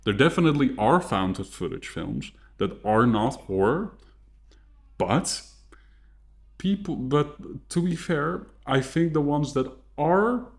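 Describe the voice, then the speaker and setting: A man's voice: mid-range voice, expressive, takes it slowly, vocal fry. A man co-hosting a casual film discussion, explaining in a conversational, qualifying way. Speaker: podcast co-host.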